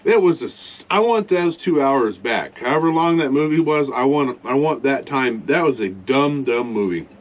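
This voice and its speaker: A man's voice: mid-range voice, lively intonation, normal speed, few pauses. A man rambling bluntly in a casual vlog from inside his truck at a campsite, eating as he talks. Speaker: vlogger.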